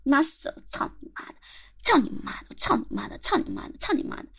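A woman's voice: sits high, huge pitch swings, fast, gravelly, fairly bright tone. A woman in whispered role-play, giving domineering, insulting commands close to the mic and counting out a rhythm. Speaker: ASMR performer. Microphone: close mic at the ear.

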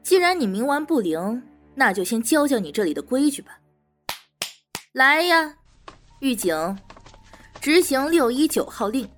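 A woman's voice: high-pitched, very animated, measured pace, long pauses, heavily acted. A woman voicing a teasing, smug female prison warden and interrogator in an audio drama, with faint music behind. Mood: menacing.

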